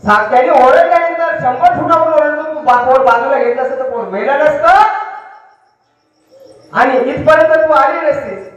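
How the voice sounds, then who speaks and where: A man from Maharashtra preaching a devotional kirtan sermon, telling a lively story and acting out its characters. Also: extremely high pitch, normal speed. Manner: animated storyteller, acts out characters. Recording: very echoey, distant, dull PA sound.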